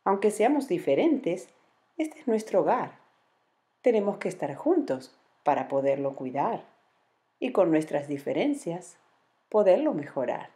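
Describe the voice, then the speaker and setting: A woman's voice: lowish voice, big pitch swings, measured pace, mellow. A woman voicing a sulky young jaguar. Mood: earnest. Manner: sulky, dismissive of others. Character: lonely, grumpy young male jaguar.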